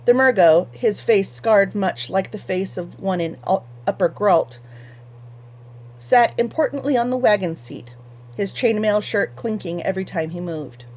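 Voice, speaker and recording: A woman reading a fantasy novel aloud for a fan book club in a measured storytelling manner. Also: medium pitch, a little mellow. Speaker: audiobook reader.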